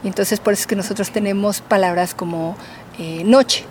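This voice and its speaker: A woman's voice: medium pitch, fairly even intonation, a little fast, slight background noise. Teacherly woman explaining patiently. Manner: patient, teacherly, with many fillers. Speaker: linguistics professor. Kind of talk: explanatory interview answers.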